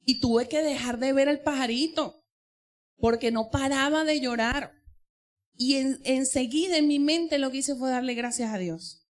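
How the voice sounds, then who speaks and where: A woman's voice: high voice, a little slow. A woman teaching in church, telling a personal testimony and addressing the congregation directly. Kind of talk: sermon.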